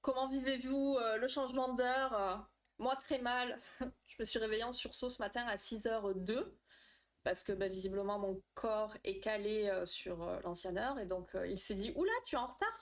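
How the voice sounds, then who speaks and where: A young woman chatting casually with viewers on a live stream, laughing often and answering their comments. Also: fairly high pitch. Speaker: live stream host, therapist.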